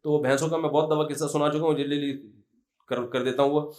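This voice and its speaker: A man's voice: fairly high pitch, little pitch movement, darkish tone. A middle-aged man giving a religious talk, telling funny stories in a chatty way. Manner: humorous storytelling, conversational. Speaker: Islamic preacher.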